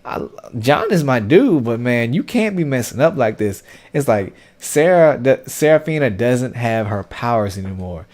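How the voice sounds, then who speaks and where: A man's voice: medium pitch, sing-song, moderate pace, darkish tone. A man recapping a comic episode in casual, opinionated commentary, talking loosely with lots of fillers and slang. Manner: conversational and opinionated, heavy on fillers and slang like "y'all" and "dude". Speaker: webtoon recap host.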